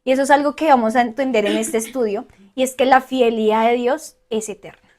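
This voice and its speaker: A woman teaching a Bible study, often checking in with her listeners and listing word meanings slowly. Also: a little high, steady tone, a little mellow. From Colombia.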